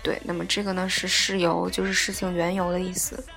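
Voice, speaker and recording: A woman teaching a language lesson in a patient, repetitive way, going over each example word several times. Her voice sits a little low and has a gravelly, creaky edge. Soft music plays faintly behind her. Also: little pitch movement. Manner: patient, repeats example words slowly.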